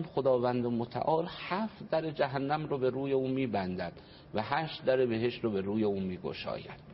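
A man giving an earnest religious talk on family life as a radio guest, explaining and quoting traditions. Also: mid-range voice. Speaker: family counselor. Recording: dull radio broadcast, faint noise.

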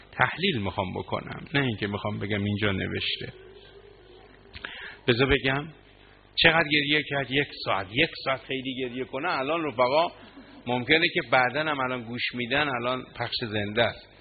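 A man preaching a mourning sermon, impassioned, his voice breaking into sobs as he recounts the narration. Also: mid-range voice. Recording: tinny phone-like line, faint noise.

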